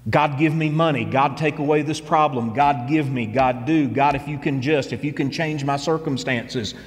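This is a man in his fifties preaching earnestly and conversationally from a church stage, leaning on repeated phrases. He speaks at a moderate pace in a mid-range voice, and the sound carries the feel of a big room.

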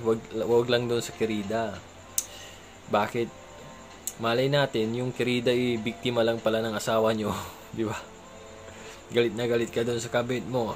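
A man in casual advice chat, talking conversationally and often asking his listeners for agreement. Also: medium pitch. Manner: chuckles between remarks. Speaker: vlogger giving advice.

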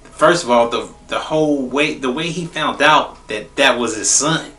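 A young man giving a casual spoiler movie review, profane and blunt, repeating phrases for emphasis and jumping into high exclaims. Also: measured pace, distant mic. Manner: animated, jumps into high exclaims. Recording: roomy echo, a bit off-mic, faint music behind.

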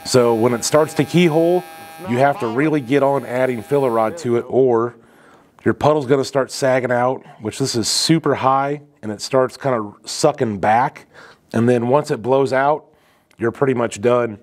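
Relaxed male welding instructor. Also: mid-range voice, normal speed. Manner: relaxed, conversational, with frequent fillers. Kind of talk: casual shop demonstration. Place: indoor welding shop.

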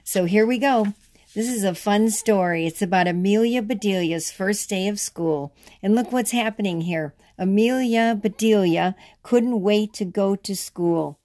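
Slow-reading woman leading a read-along. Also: mid-range voice, a little mellow. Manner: slow, encouraging, explains as she reads. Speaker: teacher reading aloud.

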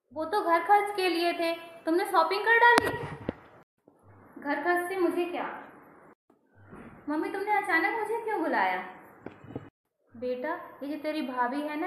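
A woman performing a homemade family skit, switching between bickering relatives and narrating. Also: high voice. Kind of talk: homemade family skit acting all roles. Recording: echoey room with faint noise.

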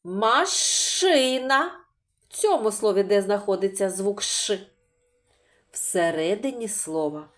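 Speaking at a medium pitch with a somewhat dark tone, this woman teaches preschool children to read in a video lesson. Her delivery is patient, slow and singsong as she draws out sounds, sounds out words and poses questions to the kids.

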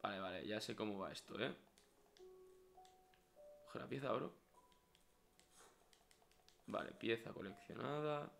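A man's voice: fairly low pitch, animated, measured pace, gravelly, pauses often, fairly bright tone, soft background music. A man with a Spain Spanish accent streaming a horror game live, jumpy and swearing, talking to himself and dropping to whispers.

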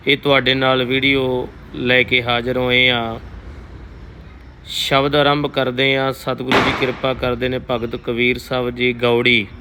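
Slow scripture teacher, man, bright crisp voice, even measured delivery. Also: medium pitch. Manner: measured, deliberate chanting of verses. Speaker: Gurbani pronunciation teacher. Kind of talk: slow scripture recitation lesson.

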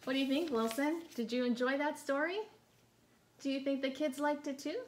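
At normal speed and in a high voice, a middle-aged therapy dog owner gives a children's read-aloud indoors by a stone fireplace. Her delivery is an animated, coaxing sing-song, asking questions of the dog and young viewers, and the recording is clearly noisy.

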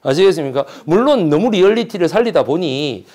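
Lively, high-pitched male history lecturer. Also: brisk. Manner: animated, jokey, asks the audience questions; slips into dialect when quoting figures. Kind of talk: storytelling lecture with acted-out quotes.

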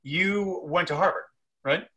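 A middle-aged man hosting a live video-call interview, introducing guests with halting, hesitant phrasing. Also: on the high side, pushed and bright. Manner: halting, many fillers and restarts. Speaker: festival program director, host. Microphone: webcam on video call.

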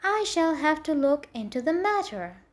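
A woman reading aloud as a kindly, thoughtful old king in a fairy tale, speaking in a gentle, measured way. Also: sits high, very animated.

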